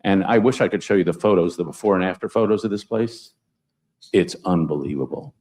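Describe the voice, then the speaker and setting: A man speaking on a conference panel, telling anecdotes with sudden upward jumps in pitch for emphasis. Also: a little fast, a little mellow. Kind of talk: panel discussion storytelling.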